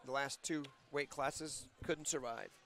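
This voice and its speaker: A man commentating a high school wrestling meet, chatty and explaining rules and team scores. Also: fairly even intonation, a little slow, fairly bright tone. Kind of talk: local sports commentary. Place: school gym.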